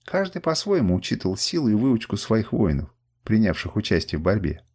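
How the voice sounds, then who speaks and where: A man reads an audiobook, narrating a first-person story in a husky, darkish voice. His delivery is brisk and sing-song, with pitch rising and falling expressively throughout.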